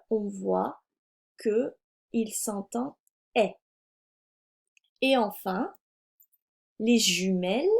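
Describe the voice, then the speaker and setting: A woman primary school teacher from France giving a recorded reading lesson to young children, sounding out syllables slowly and deliberately. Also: mid-range voice, gravelly, darkish tone. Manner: slow, deliberate, over-articulated sounding out of syllables.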